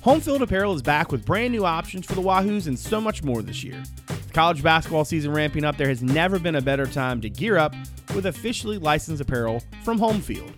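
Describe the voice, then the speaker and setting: A man's voice: fairly high pitch, expressive, fairly quick, music in the background. A man hosting a podcast, reading a scripted promotional message for a sponsor.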